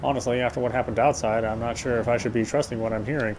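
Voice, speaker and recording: Narrating a horror game playthrough, this man reads the visual novel's text aloud at a very fast clip in a steady, medium-pitched voice. His delivery is dramatic and brooding, with occasional stumbles over words, and background noise is clearly audible.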